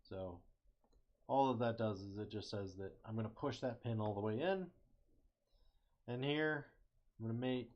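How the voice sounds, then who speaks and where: An engineering student, a young man with a fairly low voice, walks through a CAD design on screen at a normal speed, leaving long pauses. He thinks aloud, corrects himself and slips in small jokes in a casual way. The lo-fi mic sounds slightly muffled.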